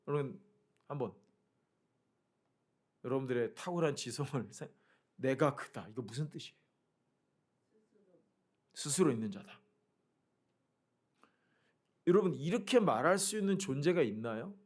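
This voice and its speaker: A man preaching a sermon as pastor, emphatic, with loud declarations and quiet asides and frequent questions to the congregation. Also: medium pitch, expressive, moderate pace, long pauses.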